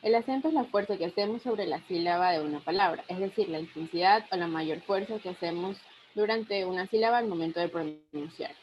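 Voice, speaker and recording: A woman's voice: on the low side, a little fast, hardly any pauses, a little hiss or hum. A young adult woman giving a university class presentation, reading steadily and listing example words one by one. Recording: dull lo-fi recording.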